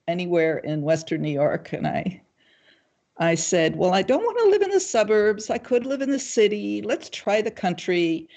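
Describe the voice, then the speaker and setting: An older woman answering interview questions in a measured, thoughtful way, pausing often with ums. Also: fairly low pitch, a little mellow, lo-fi sound. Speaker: guest, local party committee chair. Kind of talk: casual livestream interview.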